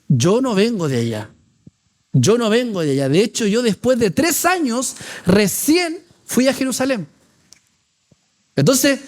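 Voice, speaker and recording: A teacher leads a Bible class lecture, reading verses aloud and explaining them through rhetorical questions while frequently checking in with the class. The voice is medium-pitched with a darkish tone.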